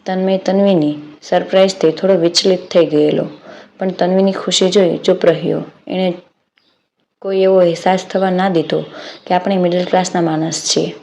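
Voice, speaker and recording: Low, flat-voiced woman narrating a story. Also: normal speed, vocal fry. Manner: steady storytelling narration with quoted dialogue. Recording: slightly dull lo-fi audio with faint background noise.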